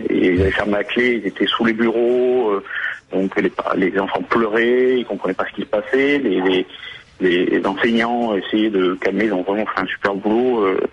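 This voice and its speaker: Man, eyewitness account, lowish voice, halting delivery, repeated words, dull lo-fi phone interview. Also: slightly rough. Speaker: eyewitness parent interviewed on radio. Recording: dull lo-fi radio phone call, faint noise.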